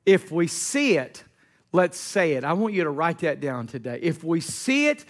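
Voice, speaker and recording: A man preaching a sermon as pastor, repeating key phrases and building to emphatic, shouted call-and-response. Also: a little high, sing-song, normal speed. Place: church sanctuary.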